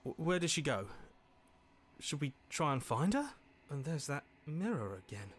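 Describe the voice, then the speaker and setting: An actor playing the brooding, uneasy inner voice of a hero in a video game, dramatically delivered. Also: male voice, fairly high pitch, very animated, moderate pace, a little hiss or hum. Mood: anxious.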